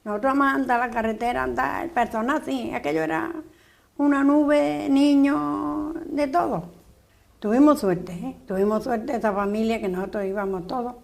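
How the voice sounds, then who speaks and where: An elderly woman giving documentary testimony, recalling in halting, fragmented phrases. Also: sits high, fairly even intonation, vocal fry. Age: 80s or older.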